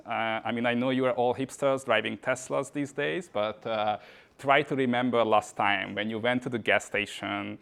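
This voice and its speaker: A Hungarian man, speaking as a conference speaker at a meetup venue, gives a casual tech talk full of "uh" and "kind of" fillers. His voice is lowish, creaky, and a bit bright.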